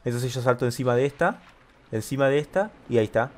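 A man giving casual let's-play commentary, thinking aloud about puzzles and repeating words in quick bursts when rushed. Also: mid-range voice. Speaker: gameplay commentator.

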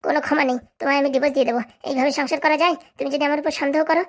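A woman's voice: high voice, fairly even intonation, very fast. A woman voicing a sulky, scheming young wife in a cartoon, demanding and petulant. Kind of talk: cartoon voice acting.

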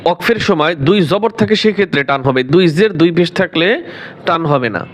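A man teaching Quran recitation, explaining the rules quickly and then reciting the verses slowly and drawn out. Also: high-pitched, expressive. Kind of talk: step-by-step recitation lesson.

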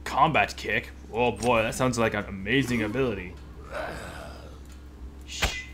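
A man doing casual video game commentary, excitable and jokey, yelling at enemies as he plays. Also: fairly low pitch, measured pace, a little hiss or hum. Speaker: let's play host.

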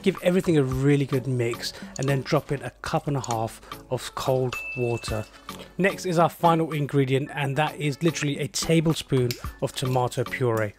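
A man's voice: medium pitch, darkish tone. A man hosting a cooking show, walking through a recipe in an upbeat, playful way. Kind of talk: recipe demonstration. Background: background music.

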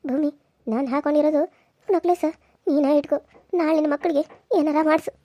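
A woman's voice: high-pitched, fairly even intonation, a little fast, warm tone, dry recording, lightly acted. A woman voicing a frail old village grandmother in a cartoon serial, with a lamenting, reproachful way of talking. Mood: grateful.

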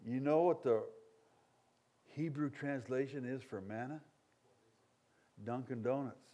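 A man's voice: mid-range voice, slow pace, a little hiss or hum. A man preaching a revival sermon, telling stories with humorous asides and acting out complaining crowds. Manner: dynamic, swinging from loud outbursts to quiet asides.

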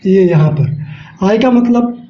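High-voiced man teaching slowly in an echoey room. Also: lively intonation. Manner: slow, repeats each step, explains aloud while writing. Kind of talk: step-by-step classroom lesson. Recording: echoey room, dull lo-fi sound.

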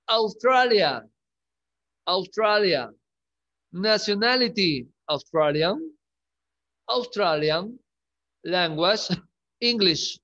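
Male teacher, careful and repetitive, high-pitched, unhurried delivery. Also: sharp tone, highs cut off. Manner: slow, clear, repeats each word twice. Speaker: English teacher. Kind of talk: online class lesson.

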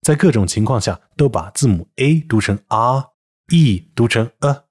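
A male pronunciation teacher narrates a prepared lesson, explaining each vowel and then reading example words aloud. His voice is a bit husky and his pitch moves up and down a lot. The delivery is clear and methodical. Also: darkish tone. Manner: explanatory, with spoken word examples.

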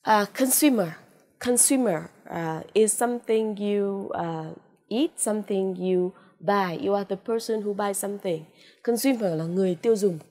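A woman English teacher with a Vietnamese accent, slowly repeating vocabulary words and explaining them in a drawn-out, coaxing classroom way. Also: mid-range voice, warm tone. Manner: frequent "ok" and "à" fillers, coaxing "đúng không ạ?". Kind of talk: vocabulary lesson with pronunciation drills.

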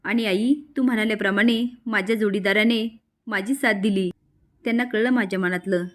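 A woman's voice: medium pitch, fairly even intonation, normal speed, a bit bright, lightly acted. A young married daughter, playful and tender toward her family, read by a woman. It is heard in a storybook-style recap.

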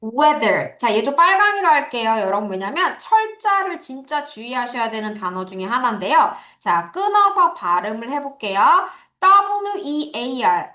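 A woman teacher giving an online vocabulary lecture, drilling pronunciation by slowly repeating words for her students. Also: fairly high pitch, sing-song, pushed and bright. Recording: echoey room.

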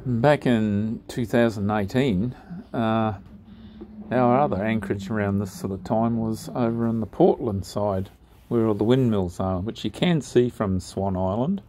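A man narrating his sailing trip over drone footage in a relaxed, unhurried way, with frequent ums and pauses. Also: fairly low pitch, a little hiss or hum.

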